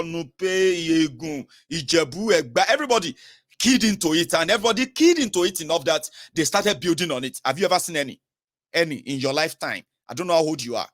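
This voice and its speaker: A Nigerian man in his thirties with a southern Nigerian accent delivers emphatic political commentary straight to the camera, firing questions at the viewer and slipping into pidgin. His voice sits on the high side with a fairly bright tone.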